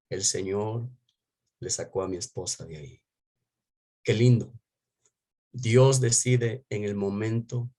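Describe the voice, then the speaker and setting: A man's voice: lowish voice, mellow. A male pastor with an Ecuadorian accent giving an earnest, emotional testimony, often restarting his sentences. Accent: Ecuadorian Spanish. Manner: earnest, emotional storytelling with many restarts and fillers. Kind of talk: testimony sermon.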